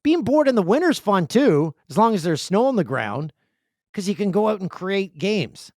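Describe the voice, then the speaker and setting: In an indoor room with a video setup, a podcast host chats casually on his microphone, reading listener emails and animatedly telling jokey, rambling stories. His voice sits high at a moderate pace, captured in studio quality with no echo.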